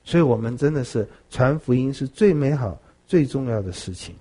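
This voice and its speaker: A man preaching a sermon, telling stories with animated swings between soft and loud. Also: mid-range voice, moderate pace, breathy edge. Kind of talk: sermon with storytelling.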